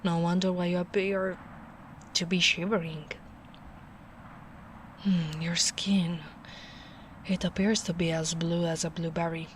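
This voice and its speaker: A female performer plays a big, kindly ogre woman in an ASMR roleplay, speaking softly, very slowly and unhurriedly as she muses. Her natural voice sits a little low, with a flat delivery that sounds caring, plain-spoken and concerned. Light ambient noise plays behind her.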